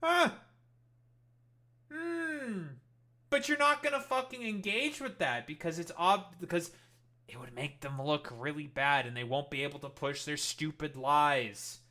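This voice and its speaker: A man's voice: fairly high pitch, a little slow, sharp tone. A man streaming and reacting to clips, talking in a heated, sarcastic, swear-filled rant. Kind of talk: profane rant commentary.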